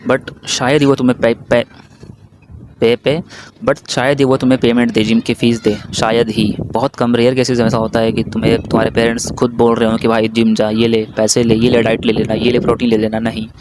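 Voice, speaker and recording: A young man from India giving casual, brotherly advice straight to the viewer, repeating his points as he goes. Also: mid-range voice. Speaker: vlogger. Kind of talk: casual advice talk to camera. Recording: noisy background hiss.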